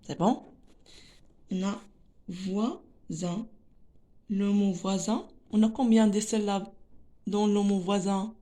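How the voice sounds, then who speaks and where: A woman's voice: medium pitch, fairly even intonation, takes it slowly, long pauses, mellow. A woman teaching a children's reading lesson, patiently spelling out letters and syllables with a Moroccan accent.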